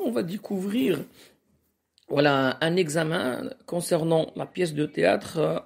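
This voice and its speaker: A man with a Moroccan accent teaching a recorded French lesson, halting and hesitant with many fillers. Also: fairly high pitch, gravelly, a little mellow.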